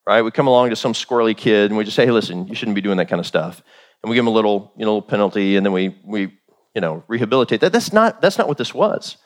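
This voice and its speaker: A man preaching a sermon in a conversational manner, full of rhetorical questions and acted-out voices. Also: mid-range voice.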